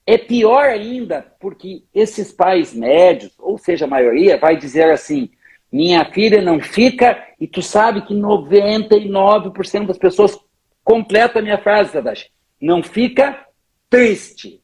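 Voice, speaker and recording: Husky, high-voiced man from Brazil. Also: lively intonation, a little slow, a little mellow. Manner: emphatic, tells stories, often addresses the other speaker by name. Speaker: interviewee speaking on emotions. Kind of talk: animated conversational explanation.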